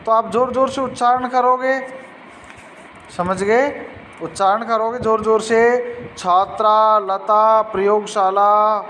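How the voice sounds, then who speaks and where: A man's voice: very high voice, steady tone, unhurried, long pauses, a bit bright, big-room sound, slight background noise, rough recording. A man teaching a Sanskrit lesson, patiently explaining words and asking pupils questions.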